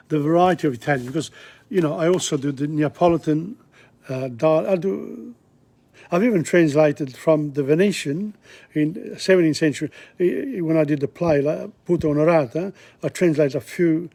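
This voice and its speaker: A man's voice: fairly high pitch, warm tone. Chatty man teaching a language lesson. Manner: rambling, digressive, chatty. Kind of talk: casual spoken lesson. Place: Australia.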